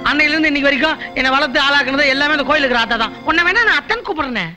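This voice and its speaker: A man's voice: very high-pitched, rapid-fire, bright, forceful tone, soft background music. A man acting in a Tamil film comedy scene, cheeky and wisecracking.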